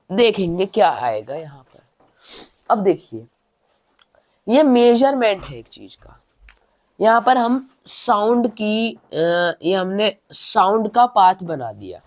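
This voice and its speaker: A male tutor giving a science lesson. He asks rhetorical questions and then answers them, repeats phrases, reads English definitions slowly word by word, and lets his voice fall quietly at the ends of sentences. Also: sits high. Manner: demonstrates by speaking louder and softer.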